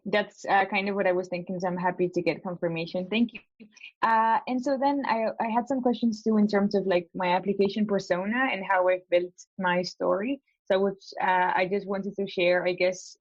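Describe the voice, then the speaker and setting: A woman's voice: on the low side, dry recording, muffled recording. A young woman from Spain, a law school applicant, talking hesitantly with many fillers in a casual coaching call. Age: young adult.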